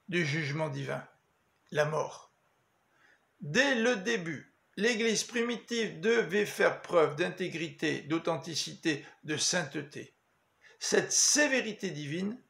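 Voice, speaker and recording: A man giving a daily Bible meditation as pastor, in a measured, earnest preaching manner. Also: on the high side, gravelly, fairly bright tone. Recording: echoey room.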